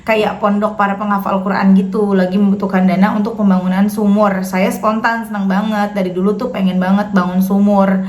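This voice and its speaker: A woman's voice: medium pitch, little pitch movement, a little fast, a little mellow. Woman, host, chatty, talks to listeners as friends, reads a letter aloud, roomy echo. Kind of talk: reading a viewer's letter aloud, then religious reflection.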